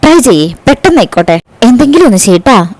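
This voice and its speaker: A woman's voice: a little high, big pitch swings, fast, darkish tone, no echo. Woman reading a determined young man. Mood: urgent. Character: determined young man, devoted father figure.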